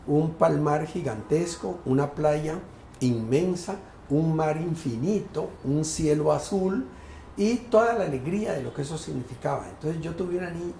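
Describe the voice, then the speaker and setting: A man in his sixties from Colombia's Pacific coast, telling a childhood story in a measured, articulate, lyrical way during an interview. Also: on the high side, vocal fry, dark tone. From Tumaco, Colombian Pacific coast. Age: 60s. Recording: echoey room with faint background noise.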